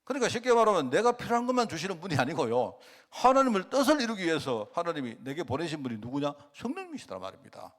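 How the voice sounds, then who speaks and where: Animated preaching man, lively pitch. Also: fast. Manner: animated preaching with sudden loud and soft swings; asks the congregation rhetorical questions. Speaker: pastor. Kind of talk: sermon.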